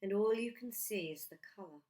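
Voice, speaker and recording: Gently and soothingly, a woman guides a relaxation meditation in a mid-range voice, speaking in short phrases separated by long pauses.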